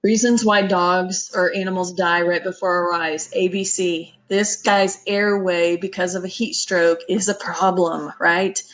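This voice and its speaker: A woman's voice: lowish voice, steady tone, unhurried, few pauses, a bit bright. A woman giving a conversational lecture on veterinary emergency care, emphatic and often checking in with listeners. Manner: emphatic, checks in with "okay?" and "right?".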